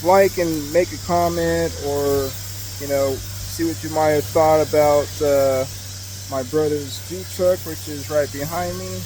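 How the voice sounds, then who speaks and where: This hobby mechanic vlogger is a young man working on a truck in a driveway, talking casually and rambling through fillers and restarts. His fairly high voice is mellow, a little slow, with fairly even intonation, captured on noisy outdoor camera audio.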